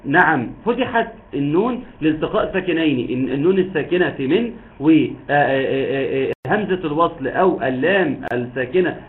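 Over a tinny, phone-like line with faint hiss, a man teaches Quran recitation rules in an online lesson, explaining patiently step by step and drawing out words to demonstrate. His voice is a little high, with lively intonation and a moderate pace.

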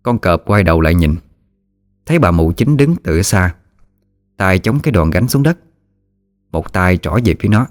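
A man narrating a ghost story in a steady storytelling manner. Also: sits low, moderate pace, pauses often, dry recording, clean studio sound. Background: soft music.

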